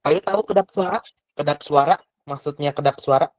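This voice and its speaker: A woman's voice: sits low, fairly quick, lo-fi sound, noisy background. A young woman tutoring a child, patient and full of questions, often trailing off with a casual tag. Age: young adult. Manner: patient, asks many questions, trails off with "gitu". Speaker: private tutor. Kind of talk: online tutoring lesson.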